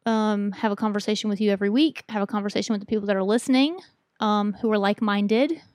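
A woman's voice: mid-range voice, steady tone, fast, darkish tone, dry recording, studio quality. A woman co-hosting a podcast, chatting casually and carrying the talk in long rambling turns. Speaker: podcast co-host. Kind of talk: casual chat.

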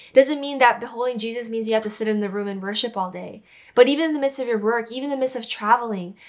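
Young adult woman, podcast devotional host, slightly high voice, earnest and encouraging, casual delivery. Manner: earnest, encouraging, casual fillers like "guys" and "right?". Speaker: podcast host and ministry leader. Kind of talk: devotional talk and prayer.

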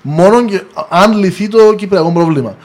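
A man's voice: high voice, darkish tone. A man with a Cypriot Greek accent, explaining his opinions as a guest in a podcast discussion.

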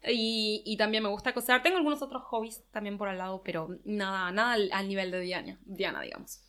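A woman's voice: medium pitch, brisk. Laughing Argentine woman co-hosting a podcast. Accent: Argentine Spanish, Buenos Aires. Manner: laughs often, relaxed and self-deprecating. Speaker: podcast co-host. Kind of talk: casual chat.

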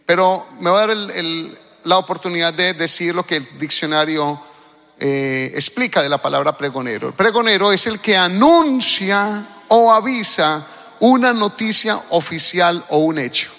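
A man's voice: high voice, moderate pace. A man from Colombia, preaching a sermon and calling out to the congregation. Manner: lively, calls out to the congregation. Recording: hall reverb.

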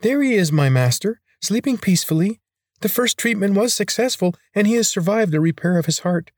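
Male narrator doing a shrill servant, fawning, high and loud, close and dry. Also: lively intonation, fairly quick, no room sound.

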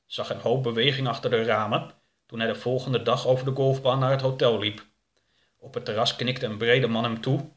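A man narrating a story in a measured, even way. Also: medium pitch.

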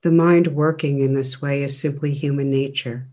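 A man leading a guided breath meditation as a teacher, speaking gently in measured phrases with long pauses between them. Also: mid-range voice, fairly even intonation.

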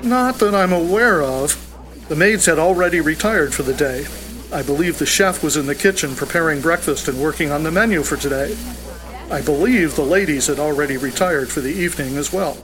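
A man's voice: a little high, brisk, lightly acted, low-quality recording. A man voicing a formal, precise personal aide in an audio drama, answering questions stiffly and deferentially.

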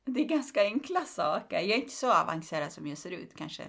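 A woman's voice: on the low side, big pitch swings, gravelly, a bit bright. A woman comedian talking frankly in a casual interview, laughing often and using many fillers.

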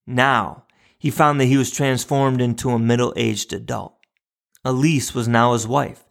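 A podcast host for teachers, reading a fable aloud in a measured, reflective manner. His voice carries a noticeable gravelly fry at an ordinary male pitch. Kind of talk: storytelling narration and podcast outro.

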